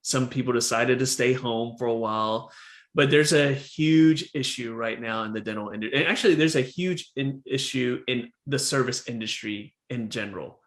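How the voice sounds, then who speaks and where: A Texan dentist hosts a dental podcast over a video call, chatting casually in an interview. His voice sits at medium pitch with a moderate pace, and he's animated, repeatedly saying "again" and "right?".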